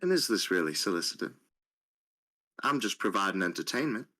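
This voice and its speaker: A man voices a cocky street saxophonist in a tabletop game, glib and unbothered, talking his way past the rules. The voice is low, with a bright, forceful edge. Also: big pitch swings, moderate pace, full character voice.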